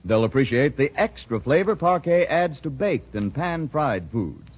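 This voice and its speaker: Heard through a dull 1940s radio recording, an American man delivers scripted ad reads and narration, selling hard with polished emphasis. His voice leans high and slightly rough, with a sing-song rise and fall, and he speaks a little slowly.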